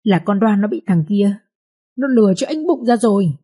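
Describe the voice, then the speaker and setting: A woman voicing a frightened, fretful middle-aged village mother who wails and frets, in a husky voice. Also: mid-range voice, expressive, normal speed, dark tone. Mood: fearful. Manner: wailing, fretful.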